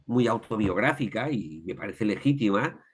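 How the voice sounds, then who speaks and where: A man's voice: lowish voice, lively intonation, normal speed, husky. A man with a Catalan accent, an author talking through his research in a casual interview, thoughtful and full of restarts and tag questions. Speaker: author, guest.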